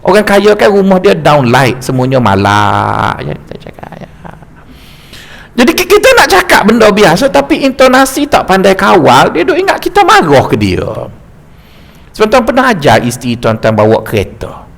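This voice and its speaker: A man's voice: sits high, normal speed, vocal fry. A middle-aged man with a Malaysian Malay accent giving a mosque lecture, joking and telling stories with stammered restarts. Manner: lively, jokey storytelling with stammered restarts. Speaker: religious teacher.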